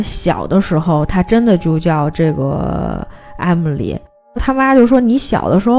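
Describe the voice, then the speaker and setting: Lively woman, retelling a plot. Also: mid-range voice. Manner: animated storyteller, acts out characters' lines. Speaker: film podcast host. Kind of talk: casual retelling of a film plot.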